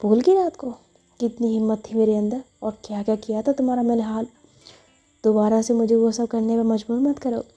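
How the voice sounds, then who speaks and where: A woman's voice: a little high, fairly even intonation, brisk, mellow, natural voice. A woman voicing a bold, lovestruck young woman who coaxes and boasts. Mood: eager.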